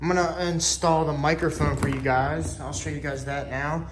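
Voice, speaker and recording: A man's voice: a little high, flat delivery, moderate pace, reverberant, noisy background. A man giving a casual hands-on tutorial in a laid-back, informal way. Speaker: vlogger giving a how-to.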